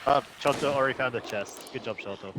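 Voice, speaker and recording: Fast-talking man gaming, noisy mic. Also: mid-range voice, a bit bright. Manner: repeats his phrases. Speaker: co-op player and stream moderator. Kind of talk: casual gaming chat, giving directions. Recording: noisy voice chat with clicks.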